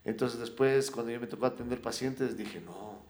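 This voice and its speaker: A middle-aged man, a podcast guest chatting casually and telling rambling stories with lively swings in pitch. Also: a little fast, slight background noise. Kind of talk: casual chat.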